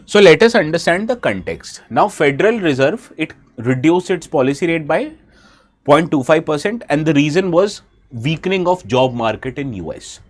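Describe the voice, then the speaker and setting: Here a man with an Indian English accent, clearly suffering from a bad cold, lectures students live for an exam. His fairly high voice swings widely in pitch at a moderate pace, and he peppers the class with questions, dropping into Hindi now and then.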